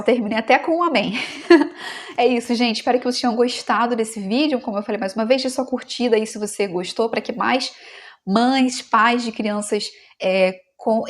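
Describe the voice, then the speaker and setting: A woman with a Brazilian Portuguese accent, a mother talking casually and heartfelt to the camera in a family vlog. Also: fairly high pitch. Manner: chatty and heartfelt, many "né" and "sabe" tags; slows to a gentle devotional tone. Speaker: mother and vlogger.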